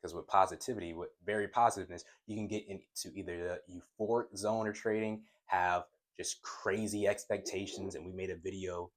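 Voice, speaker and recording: A trading coach with a low voice explains things at a whiteboard, a little fast and with few pauses. He's casual, calls his viewers "guys," and stutters when excited.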